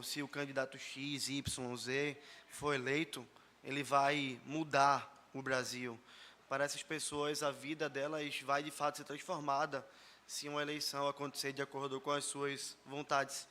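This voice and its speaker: Brazilian male pastor, hoarse, earnest sermon delivery, bright edge to the voice. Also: mid-range voice, slight background noise. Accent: Brazilian Portuguese. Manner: earnest, addresses the congregation directly as brothers. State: hoarse after a flu. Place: church service.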